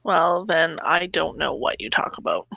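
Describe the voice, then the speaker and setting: A woman's voice: on the low side, big pitch swings, normal speed, creaky, bright, forceful tone, no echo, dull audio. A woman co-hosting a podcast, playful and laughing often in casual chat. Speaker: podcast co-host.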